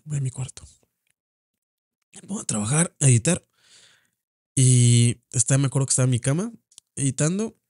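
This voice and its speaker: A young Mexican man recounts a painful memory in a podcast, halting and circling back over his words. His voice is mellow and dark, recorded close and dry with no room around it. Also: medium pitch, dry recording. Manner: halting, repeats words, emotional retelling. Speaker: podcast host. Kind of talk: personal storytelling. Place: at home.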